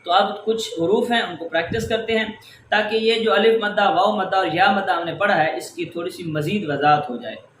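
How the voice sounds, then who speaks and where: The speaker is a man who teaches Quran recitation, here leading a tajweed lesson where he patiently breaks down each rule and stretches example words. His voice is high-pitched and a bit bright. The echoey room carries faint ambience and slight background noise.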